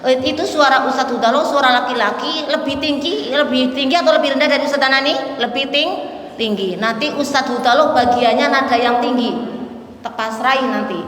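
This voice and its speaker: A woman teaching melodic Quran recitation, chanting verses slowly, then talking quickly to encourage her students. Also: sits high, fairly bright tone, a little hiss or hum. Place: mosque hall. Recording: echoey mosque hall with long reverb.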